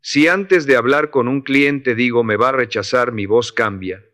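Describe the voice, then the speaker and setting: A man reading the part of a 68-year-old construction worker, a man of few words who gives calm, measured advice. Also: medium pitch, close to an everyday voice. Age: 60s.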